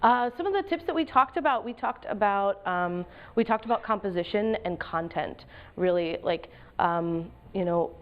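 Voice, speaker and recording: An American woman giving informal interview answers in a halting, conversational, reflective way. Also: mid-range voice, lively intonation, highs cut off. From Pennsylvania, United States. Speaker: professional photographer and project advisor.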